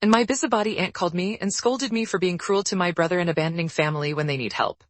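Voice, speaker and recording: A woman narrating forum posts aloud in a brisk, even storytelling read. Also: lowish voice, no echo.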